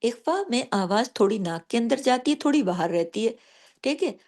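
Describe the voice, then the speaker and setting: A woman teaching tajweed, explaining the rules patiently and slowing down to recite each example, often checking in with her listeners. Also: fairly high pitch, animated, darkish tone. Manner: checks in often with "theek hai?".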